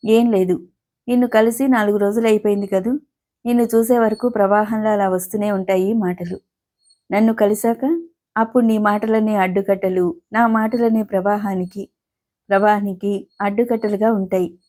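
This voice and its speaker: A woman's voice: medium pitch, steady tone, normal speed, mellow, natural voice. A woman voicing a playful, affectionate young woman who chats eagerly with her elder friend. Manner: eager, chatty.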